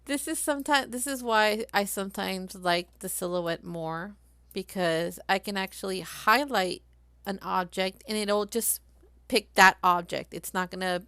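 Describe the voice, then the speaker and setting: A woman live-streaming a craft software tutorial, chatty and thinking aloud as she works. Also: mid-range voice, dry recording.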